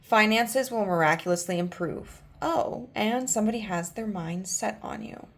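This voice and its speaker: A woman in her thirties giving a casual tarot reading, chatty and loose, full of fillers and restarts. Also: mid-range voice. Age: 30s. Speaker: tarot reader.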